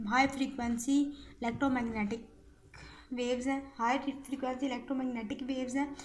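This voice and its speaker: A physiotherapy lecturer, a woman with a high-pitched, darkish voice, gives an informal explanatory lecture. She repeats key phrases and often checks in with short tag words.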